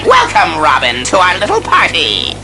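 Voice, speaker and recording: A man playing a gleeful, taunting criminal riddle master in a theatrical, gloating, excitable superhero audio drama style. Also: a little high, moderate pace, rough recording. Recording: music behind dramatized cassette recording. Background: dramatic music.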